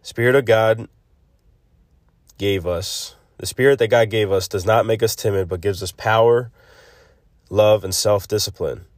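A man hosting a casual solo devotional podcast, thinking aloud haltingly, recorded on a phone's built-in mic instead of a proper microphone. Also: lowish voice, no echo. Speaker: podcast host. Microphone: built-in phone mic, no separate microphone. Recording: close, dry phone recording.

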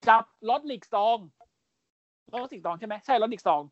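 Guy podcast host telling it all animated, swearing a lot, doing little voices, dry dull lo-fi sound. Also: extremely high pitch, slow, dry recording. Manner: animated storyteller, crude slang, mimics voices. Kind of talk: casual podcast recap.

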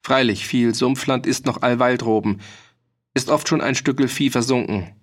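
A stubborn, sturdy old farmer, voiced by a man reading a storybook aloud. He talks in measured, earnest rustic phrases with a middling pitch. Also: lightly acted.

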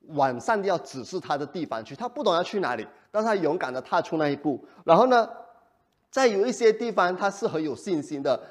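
A male pastor preaching a sermon in an animated way, often putting rhetorical questions to the congregation. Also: a little high.

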